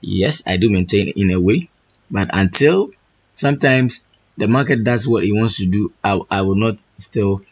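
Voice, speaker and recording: Hoarse, husky man, lowish register, thinking-aloud tutorial delivery full of restarts, dull lo-fi recording. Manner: halting, restarts phrases often. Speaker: trading educator. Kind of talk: thinking-aloud chart walkthrough.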